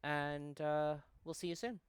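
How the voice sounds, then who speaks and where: With music running behind him, a man on the higher side of the pitch range reads aloud and chats casually while hosting a playthrough of a visual novel. He keeps a measured pace.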